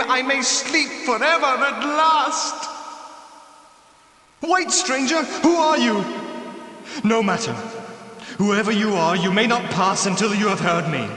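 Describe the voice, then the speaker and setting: Vincent, high-voiced anguished ghost knight. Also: male voice, bright, forceful tone. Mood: desperate hope, then urgent pleading. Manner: pleading, tormented, melodramatic. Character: anguished ghost of a young murdered knight, pleading innocence. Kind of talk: theatrical video game character acting. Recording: echoey hall with long reverb.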